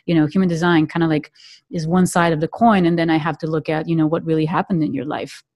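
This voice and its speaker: A woman's voice: low voice, level tone, fast talker, darkish tone, no echo, clean studio sound. A woman from Serbia hosting an interview as a coach, talking casually with lots of "you know" and "right". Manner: chatty, frequent fillers like "you know" and "right". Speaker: podcast host, coach. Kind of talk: conversational interview.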